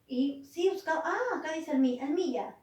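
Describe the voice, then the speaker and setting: A woman teacher, retelling a tale in a lively way, often ending with a tag question. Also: sits high, normal speed, recorded from a distance. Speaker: literature teacher. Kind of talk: retelling a story in a lesson. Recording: roomy, from off the mic.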